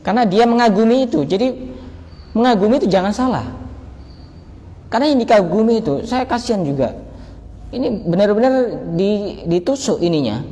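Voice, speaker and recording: Male preacher, mellow higher voice, playful study-circle delivery, echoing hall with faint hiss. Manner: conversational, joking, acts out dialogue with students. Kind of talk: religious study talk. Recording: long hall reverb, faint background noise.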